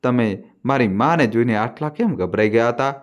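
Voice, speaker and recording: Boy figure, scared and pleading, voice pitched up, as a male narrator puts him on. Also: expressive, moderate pace, lightly acted. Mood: anxious pleading. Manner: pleading, hesitant questions. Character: frightened curious young boy.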